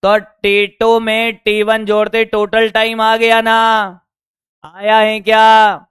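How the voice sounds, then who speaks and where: A male physics teacher, lecturing online at a board, his voice hoarse from shouting, coaxing students and checking whether they follow. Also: sits high, completely flat delivery, takes it slowly, no room sound, clean studio sound. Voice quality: strained, worn voice. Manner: coaxing, keeps asking if students got it.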